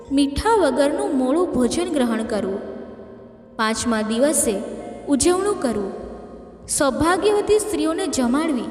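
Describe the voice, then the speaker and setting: Woman voicing a gentle motherly goddess. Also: high-pitched. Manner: gentle, reassuring. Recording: echoey reverb, faint music behind.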